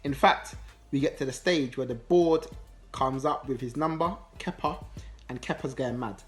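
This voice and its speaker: A man talks through a football match in an easygoing vlog monologue. He is slangy and animated, full of ums and restarts, at a mid pitch. Faint music plays underneath. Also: moderate pace. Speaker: football channel host. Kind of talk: casual match review monologue.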